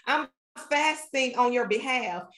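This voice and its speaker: A woman's voice: high-pitched, animated, unhurried, a bit bright, reverberant. A woman hosting a faith podcast, speaking with a fervent, preacherly cadence as she talks business and leads a prayer. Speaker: podcast host and marketing strategist.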